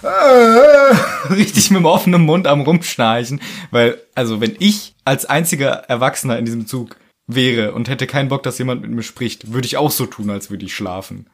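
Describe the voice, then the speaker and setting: A young man co-hosting a casual book podcast, relaxed and laughing as he thinks aloud. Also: mid-range voice, a little fast. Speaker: podcast co-host.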